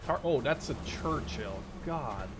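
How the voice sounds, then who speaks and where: An animated, mid-range male voice takes things slowly as this gaming video host, a Dutch man in his twenties living in Canada, comments on his play. He's casual, chatty and playful, frequently thinking aloud. Tank game sounds, with vehicle and game noise, run behind his voice.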